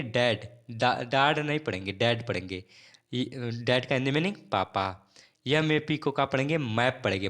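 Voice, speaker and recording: A man's voice: medium pitch, a bit bright. Man teaching English words, spelling them out, repeating each one, patient drill. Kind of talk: spelling and pronunciation lesson.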